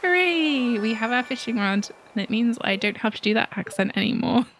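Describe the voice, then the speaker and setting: A woman hosting a let's play, chatting casually through her game and sometimes dropping into soft whispered asides. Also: mid-range voice, steady tone, a little fast, a little hiss or hum.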